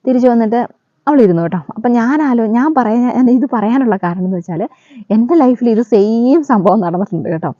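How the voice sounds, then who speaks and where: A woman's voice: a little high, a little fast, mellow, dry recording. A woman, telling a story in a chatty vlog way and adding a friendly "you know" to her sentences. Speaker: vlogger. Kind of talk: casual storytelling. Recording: dull lo-fi dry recording.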